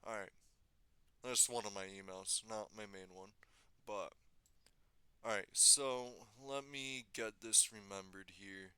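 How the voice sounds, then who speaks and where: A man giving a casual screen-recorded software tutorial, thinking aloud and correcting himself as he goes, slightly losing his voice. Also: on the low side, fairly even intonation, slow, long pauses, smooth, no echo. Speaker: tutorial maker.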